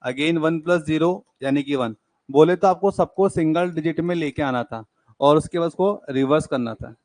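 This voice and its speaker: A young man teaching an exam-prep class, working through puzzles by counting digits aloud, briskly urging students on. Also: on the high side, a little mellow, dry recording. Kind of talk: live classroom lecture.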